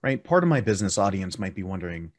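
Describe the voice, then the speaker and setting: A male podcast host with a low voice who asks long, rambling questions full of tangents. The recording is dry and close, with no room sound. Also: very animated, fast talker, no echo. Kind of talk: casual interview.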